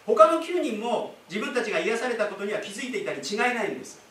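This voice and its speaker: High-voiced pastor preaching in an echoey hall. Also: male voice, sing-song, fast talker, fairly bright tone, far from the mic. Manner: conversational, explains with asides and rhetorical questions. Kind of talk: sermon. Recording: echoey room, speaker away from the mic.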